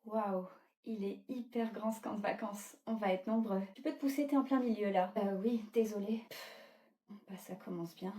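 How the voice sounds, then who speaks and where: Young woman for comedic skit scenes, snappy and sarcastic, soft mellow timbre. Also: medium pitch. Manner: catty, sarcastic, quick banter. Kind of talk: acted skit dialogue and storytelling.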